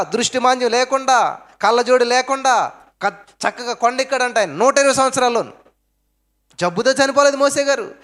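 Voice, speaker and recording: A man preaching a sermon, firing off rhetorical questions and answering them himself, with emphatic swings between loud stresses and low asides.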